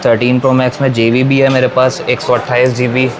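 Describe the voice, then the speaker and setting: Male Pakistani seller, mid-pitched and even-toned, repetitive price-list pitch, noisy room. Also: brisk. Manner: repetitive, salesman-like patter. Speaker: phone shop seller. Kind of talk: sales pitch listing models and prices. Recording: noisy room with clear background noise.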